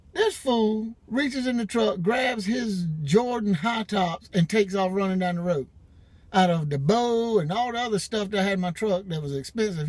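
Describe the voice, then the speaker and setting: A man's voice: sits high, darkish tone, no echo. Man telling a rambling story. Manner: rambling, colloquial, frequent restarts. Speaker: vlogger. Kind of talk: casual storytelling.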